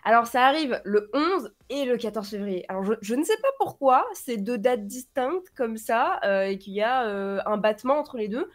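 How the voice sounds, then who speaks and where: French woman panelist, slightly high voice. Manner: presents news items, loose and hesitant with fillers. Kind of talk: casual online panel chat.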